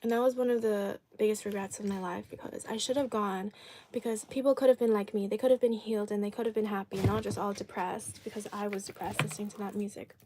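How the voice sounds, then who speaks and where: A woman hosts a casual live eating stream at an ordinary mid-range pitch. She talks while chewing, her words shaped around mouthfuls of food. Her delivery is informal and chatty, addressed straight to viewers. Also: fairly even intonation, quick pace, darkish tone, a little hiss or hum.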